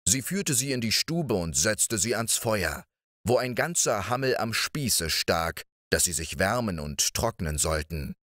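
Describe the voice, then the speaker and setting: Slow, expressive male fairy-tale reader. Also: on the low side, dry recording, clean studio sound. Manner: slow and expressive, voicing each character. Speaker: audiobook narrator. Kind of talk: calm fairy-tale reading for sleep.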